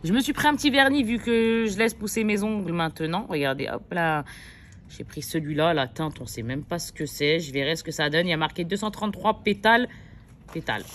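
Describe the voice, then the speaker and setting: A woman's voice: lowish voice, fairly quick, slight background noise. Chatty mother rambling through a haul. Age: adult mother. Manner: chatty, rambling, many fillers and self-corrections; addresses viewers directly. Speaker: vlogger. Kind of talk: casual shopping haul chat.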